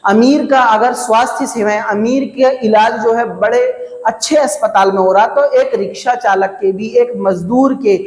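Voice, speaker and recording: A man teaching an exam prep lecture, slowly repeating key phrases to drill his students. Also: high-pitched, steady tone, darkish tone. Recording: echoey classroom, long reverb.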